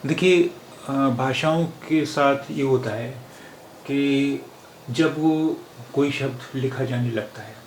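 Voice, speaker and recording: A man teaching a language lesson, explaining patiently and pausing often with filler sounds as he thinks aloud. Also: mid-range voice. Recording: roomy with faint background noise.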